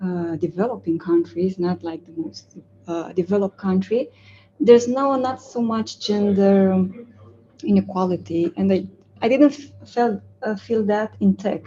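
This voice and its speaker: Soft-toned woman from Romania, hesitant. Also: medium pitch, a little slow, highs cut off, slight background noise. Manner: hesitant, many fillers, laughs often. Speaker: community speaker. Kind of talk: casual meetup talk. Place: large open event room indoors.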